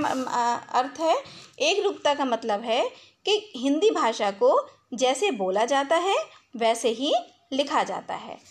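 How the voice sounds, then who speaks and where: In a recorded class, a schoolteacher with a high voice goes over each point slowly and says it twice. She poses questions to the class and answers them herself.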